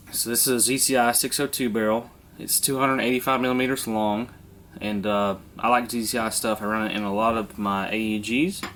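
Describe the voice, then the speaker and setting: A man hosting a hands-on airsoft how-to, congested from a sinus infection, talking through each step in a relaxed, casual way. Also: medium pitch, slight background noise. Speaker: airsoft video host.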